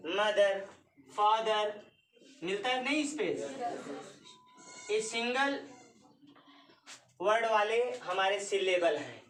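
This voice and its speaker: A woman's voice: mid-range voice, very animated, slow, long pauses, a bit bright. A woman teacher who gives a classroom grammar lesson. She dictates definitions word by word, repeats terms, and asks the class questions before answering them herself. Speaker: English teacher. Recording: roomy sound from a mic at a distance.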